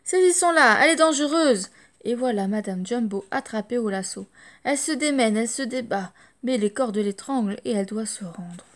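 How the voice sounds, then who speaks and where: A woman reading a children's storybook aloud, lively and expressive. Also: mid-range voice, normal speed. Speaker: audiobook storyteller.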